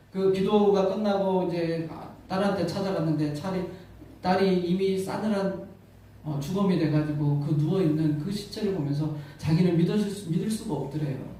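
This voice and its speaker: A male pastor giving a sermon, telling a story with rising emotion, repeating words and swelling loud on key lines. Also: high voice. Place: church sanctuary. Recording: echoey church hall from far off.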